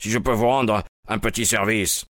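A man voicing a calm, firm, composed detective in an audio drama. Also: lowish voice, normal speed, no room sound, studio quality, natural voice. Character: calm, commanding male detective.

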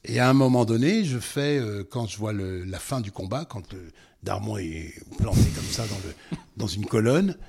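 A man, a voice actor, telling anecdotes in a relaxed interview, with frequent hesitations and fillers. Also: lowish voice, moderate pace, creaky, noisy background. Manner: storytelling, hesitant with many fillers. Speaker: voice actor guest.

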